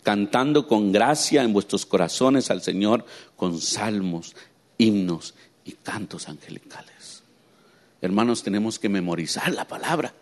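A man preaching a sermon, swinging between quiet low asides and high excited emphasis and often asking his listeners questions. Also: unhurried. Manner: asks the congregation rhetorical questions.

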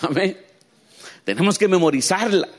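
A man preaching a sermon, swinging between quiet low asides and high excited emphasis and often asking his listeners questions. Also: moderate pace. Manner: asks the congregation rhetorical questions.

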